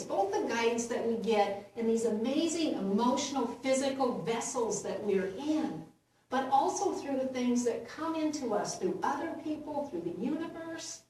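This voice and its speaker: A woman minister giving a gentle, unhurried sermon, laughing lightly at her own jokes. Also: high-pitched, a little hiss or hum. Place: church sanctuary. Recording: roomy echo from far off.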